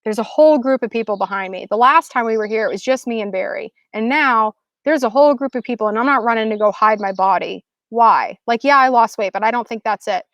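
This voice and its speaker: Woman, 30s, storyteller, casual and animated, slightly high voice, dry close sound. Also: quick pace, few pauses, no echo. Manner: animated, acts out quotes with high bursts; casual, lots of "like". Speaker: speaker. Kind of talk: storytelling talk.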